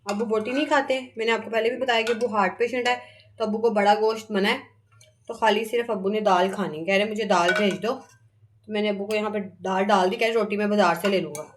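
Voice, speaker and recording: A woman's voice: medium pitch, steady tone, fast talker, a little hiss or hum. A middle-aged woman, a mother and vlogger, chatting casually as she talks through her household chores. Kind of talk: casual running commentary.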